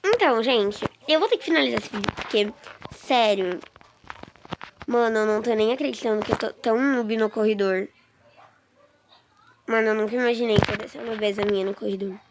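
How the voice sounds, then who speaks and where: A woman chatting excitedly and with exasperation to her viewers while commenting on a game she is playing. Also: on the high side, a little fast, long pauses. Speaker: gaming streamer. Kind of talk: casual gameplay commentary. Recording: noisy with clicks.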